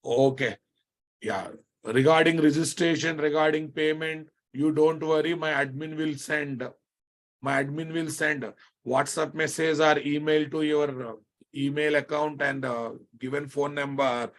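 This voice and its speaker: An Indian-accented man teaches a live online technical class in a slightly high voice. He repeats key phrases and regularly checks that his students are following. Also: steady tone, measured pace. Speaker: programming instructor.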